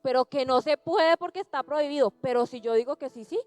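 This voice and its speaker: A woman's voice: high voice, a little fast, dry recording, soft background music. A young woman giving a sermon to young people, talking conversationally and asking the listeners questions. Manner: conversational, asks the audience questions. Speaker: youth preacher.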